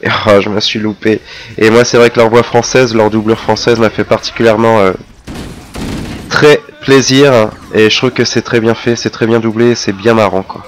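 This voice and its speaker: A man giving casual, chatty commentary over his own gameplay, excitable and quick to mock himself. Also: fairly low pitch. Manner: chatty, self-mocking, excitable. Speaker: let's play gamer.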